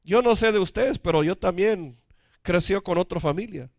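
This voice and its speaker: A man's voice: sits high, moderate pace, creaky, no room sound, clean studio sound. A male pastor, preaching a sermon, calling out for amens and dropping in English words. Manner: preaching with frequent calls for amen.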